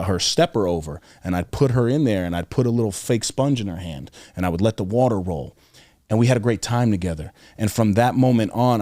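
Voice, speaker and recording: A young adult man speaks earnestly and reflectively, sharing a personal story as a guest. His voice sits fairly low, and the sound is dry and close with little room around it. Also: no echo. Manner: earnest and reflective, often drops to a soft, quiet voice when quoting. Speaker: podcast guest, author. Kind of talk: casual conversational storytelling.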